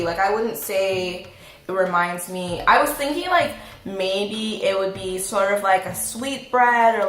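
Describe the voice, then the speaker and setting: A woman's voice: medium pitch, a bit bright. A woman taste-testing her own cookies in a casual, enthusiastic vlog. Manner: chatty, enthusiastic, filler-heavy. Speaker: recipe vlogger. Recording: roomy echo, faint music behind.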